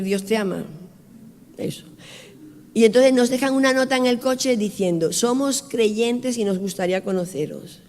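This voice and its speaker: A middle-aged woman pastor preaching a sermon, telling a personal story in a lively way and acting out the dialogue. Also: mid-range voice. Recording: long reverb of a church hall.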